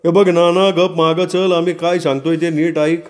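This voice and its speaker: A man's voice: fairly high pitch, level tone, normal speed, a little mellow, voice pushed up, close to an everyday voice. A man voicing a stern village man giving warnings. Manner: firm, warning.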